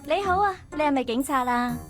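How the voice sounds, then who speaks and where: A bubbly, expressive young heroine from a visual novel, pitched high and bright. Game music plays clearly underneath her lines. Her delivery is lively and animated throughout. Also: fairly quick.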